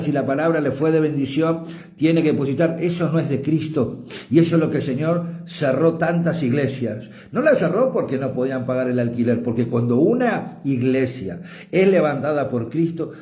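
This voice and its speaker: Forceful Argentine preacher in an echoey church. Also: male voice, on the high side. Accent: Argentine Spanish. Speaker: apostle and pastor. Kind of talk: sermon.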